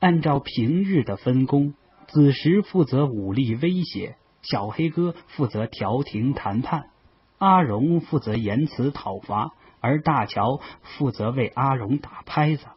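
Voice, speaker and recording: A man calmly narrating a novel in the first person. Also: mid-range voice, slightly rough. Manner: calm, measured storytelling. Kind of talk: audiobook narration. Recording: dull lo-fi audio.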